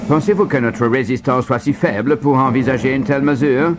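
A man's voice: mid-range voice, fairly quick, voice pushed up, lightly acted. A man voicing a formal, proud male French general in an audio storybook. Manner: formal, haughty. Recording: loud music underneath.

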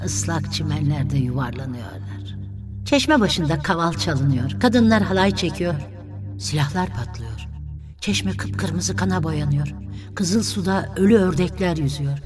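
A woman narrating a literary story in a measured, dramatic reading. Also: low-pitched. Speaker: audiobook narrator. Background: soft music.

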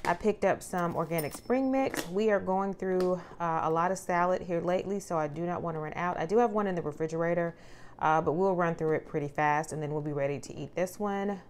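Woman, lowish voice, relaxed chatty narration, fillers, light room ambience. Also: a little fast, a little hiss or hum. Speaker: vlogger showing a grocery haul. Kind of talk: casual narration over product shots. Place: indoors at a home kitchen counter.

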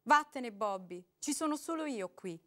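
A woman reading aloud, voicing a frightened, cursed snake-haired woman who pleads in a high, trembling voice. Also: lively intonation, moderate pace, bright, forceful tone. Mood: pleading.

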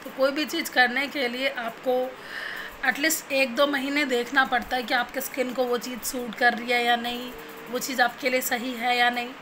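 A young new mother chats casually with her viewers in a home vlog, coos baby talk to her infant, and gives them plain, direct advice. Her voice is high and level in tone, at a normal speed, with background noise behind her.

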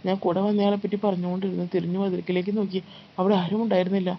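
Woman storyteller, quick steady narration, muffled sound, faint background hiss. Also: fairly low pitch. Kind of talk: first-person story narration.

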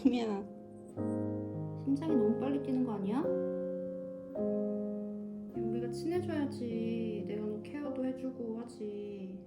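A woman at home talking to her cat in cooing, soothing baby talk, repeating words softly. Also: a little high, takes it slowly, pauses often, echoey room. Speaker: cat owner. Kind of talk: casual talk to a pet. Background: loud background music with piano.

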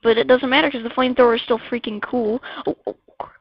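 A woman giving casual gameplay commentary, rambling and excitable, blurting out weapon names as she plays. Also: on the high side, quick pace, husky. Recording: dull lo-fi dry mic.

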